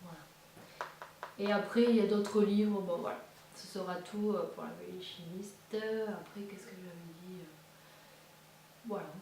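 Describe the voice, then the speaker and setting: A woman's voice: medium pitch, steady tone, a little slow, pauses often, warm tone. A woman chatting casually as a beauty vlogger, hesitant, with many fillers and restarts. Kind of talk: casual chat. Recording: echoey room, far from the mic, faint hiss.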